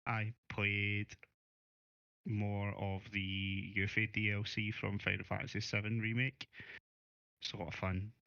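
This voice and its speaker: A Scottish man co-hosting a casual gaming podcast, relaxed and chuckling with playful asides. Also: fairly low pitch, a little slow, gravelly, no echo, highs cut off. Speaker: co-host.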